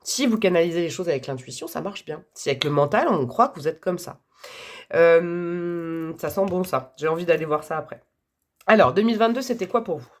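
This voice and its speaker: A woman's voice: on the low side, lively intonation, brisk. A woman giving a casual tarot reading to camera, chatty and enthusiastic, thinking aloud with many fillers. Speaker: tarot reader.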